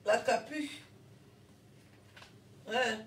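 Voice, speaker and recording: A woman talks slowly and casually in an unboxing vlog, breaking into frequent exclamations and repeated thanks. Her voice sits back from the mic, and a roomy echo hangs around it. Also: on the high side, far from the mic, slight background noise. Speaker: vlogger and comedian.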